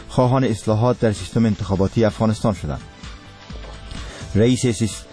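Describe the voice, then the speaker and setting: A man's voice: on the low side, dark tone. A man with an Afghan Dari accent reads scripted radio news as a presenter, in a solemn, formal newsreader manner.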